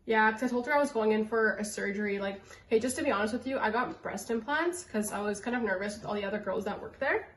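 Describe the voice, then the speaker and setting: A woman's voice: mid-range voice, fast talker, close to an everyday voice. A woman playing an embarrassed young new hire, hesitantly and confidingly faking being sick on a prank phone call. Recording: echoey room, faint background noise.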